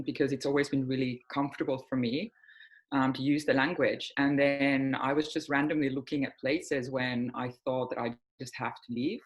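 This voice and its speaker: Her voice rumbles low through a rough recording. She is a Finnish-born woman in her forties, Finnish her first language, appearing as a guest healing coach in a casual interview chat, speaking reflectively and openly with lots of soft fillers.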